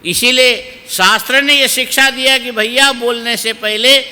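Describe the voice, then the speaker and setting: A man giving a Hindi religious discourse, teaching in a slow cadence, asking listeners questions and chanting Sanskrit verses. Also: very high-pitched, pushed and bright, in a large hall. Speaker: Bhagavata katha preacher.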